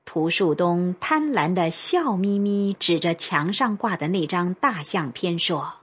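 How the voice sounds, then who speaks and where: A woman narrating a radio drama in a measured, expressive way. Her husky voice moves through lively pitch, and she reads slowly. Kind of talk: scripted storytelling narration.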